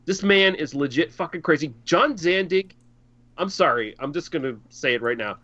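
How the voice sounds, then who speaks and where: A man's voice: a little high, animated, normal speed, bright, forceful tone, dry recording, dull audio. A man co-hosting a podcast, bluntly ranting with heavy swearing in a casual heated debate. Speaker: podcast co-host.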